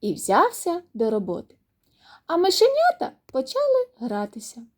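A woman reading a children's fairy tale aloud in an expressive, sing-song storytelling manner. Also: high voice, normal speed.

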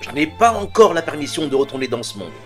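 A man's voice: a little high, very animated, fast talker, soft background music. A man voicing a grave dead father who speaks to his son, in an anime dubbing demo. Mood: solemn.

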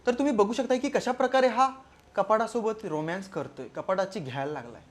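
A man's voice: high-pitched, a little fast. A man with a Marathi accent delivering a crude, scolding comedy roast commentary.

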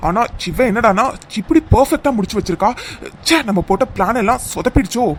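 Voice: medium pitch, lively intonation, quick pace, slight background noise, close to an everyday voice. A performer voicing a scheming, spiteful young woman rival in a cartoon serial, plotting sabotage. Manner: sly, plotting.

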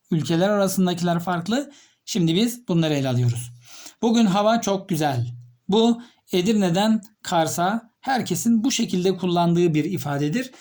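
A male teacher giving a literature lesson, asking his students questions and repeating key terms slowly as he writes. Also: high-pitched, darkish tone. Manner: explains step by step, repeats key terms while writing; addresses students directly with questions.

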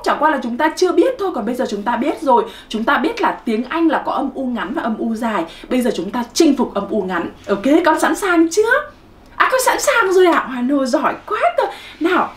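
A woman's voice: high-pitched, very animated, fairly quick, few pauses, echoey room. A woman teaching English pronunciation to children, coaxing and drilling sounds over and over; Vietnamese is her first language.

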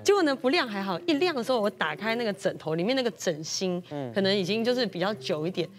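Lively woman telling a story. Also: fast. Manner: acts out quotes in a high voice, lively. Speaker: panel guest. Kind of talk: animated storytelling on a talk show.

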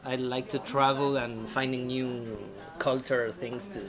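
A man's voice: mid-range voice, little pitch movement, unhurried, over music. A man from Argentina, a chatty tourist guest who searches for words while telling about his trip. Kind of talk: casual chat over dinner. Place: small restaurant booth, indoors.

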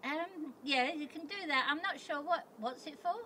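A high-voiced elderly woman talks casually at her doorstep. She is halting and unsure as she goes. The phone recording has light ambient noise from outside. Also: sharp tone. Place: outdoors at a house doorstep. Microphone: handheld phone held by the other person. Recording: noisy handheld phone recording outdoors.

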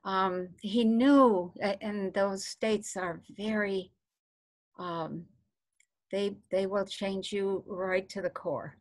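Slow, halting woman losing her voice. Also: medium pitch, steady tone. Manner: halting, searching for words with many fillers. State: losing her voice, clearing throat. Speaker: teacher answering participants' questions. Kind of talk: casual spoken teaching.

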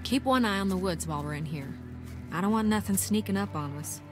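An actress voicing a wary, sharp-tongued young woman survivor in a video game, over clear game music. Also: medium pitch, fairly quick, lightly acted.

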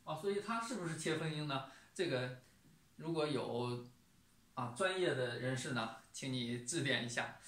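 A man teaching a casual online music lesson, explaining sight-singing slowly and patiently. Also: mid-range voice, expressive, fairly bright tone. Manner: sings solfège syllables, then explains slowly and patiently. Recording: roomy, distant from the mic.

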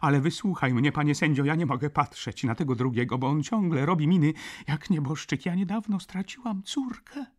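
A high, shrill, hysterical noblewoman, put on by a man reading an audiobook, wailing her grievances. Her voice swoops wildly up and down and has a husky edge. She sounds close and clear, like a storybook read aloud. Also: sing-song, moderate pace, hardly any pauses. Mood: shrill complaint. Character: hysterical aristocratic baroness, middle-aged woman. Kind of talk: audiobook character voice.

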